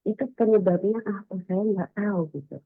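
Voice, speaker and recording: A woman calling in on a faint phone line, sounding far off with the phone held away, speaking softly and hesitantly. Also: medium pitch, fairly even intonation, brisk, no room sound. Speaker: caller. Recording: tinny distant phone line.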